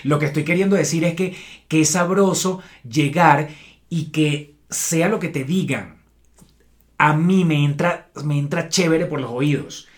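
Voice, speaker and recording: A man's voice: on the high side, a little slow. Venezuelan man telling stories casually. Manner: slangy, storytelling, colloquial swearing. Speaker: podcast co-host. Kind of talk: casual chat.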